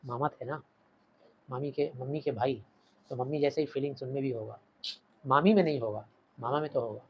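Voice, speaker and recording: A man teaching a short story in Hindi, reading English lines with an Indian accent and acting out quoted lines before dropping to quiet asides. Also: medium pitch, fairly quick, lo-fi sound, slight background noise. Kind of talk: explaining a story in Hindi lecture.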